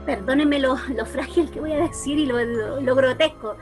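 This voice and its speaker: Over a group video call with music behind her, a Chilean-accented woman who leads a church youth group tells a story animatedly, full of restarts and repeats. Her voice sits high and her pace is normal.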